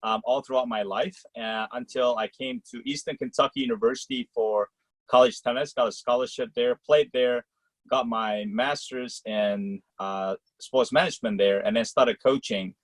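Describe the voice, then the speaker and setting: A man from Malaysia talks as a college tennis coach in a relaxed interview. He speaks in loose, rambling clauses filled with "um" and "uh." His voice sits at a middle pitch, and the sound is close and dry, with no room echo. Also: moderate pace. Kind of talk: casual interview answers.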